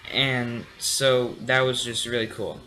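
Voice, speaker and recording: A man's voice: medium pitch, bright, forceful tone, poor audio. Tired young man rambling a review. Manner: rambling, full of fillers and restarts. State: tired, yawning. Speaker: TV episode reviewer. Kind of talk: casual spoken review.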